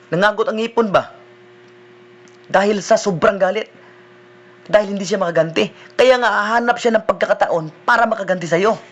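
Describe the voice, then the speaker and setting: High-voiced man preaching. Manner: conversational preaching, mixing in English phrases, frequent "no?" tag questions. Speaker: deliverance minister, preacher. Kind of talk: sermon.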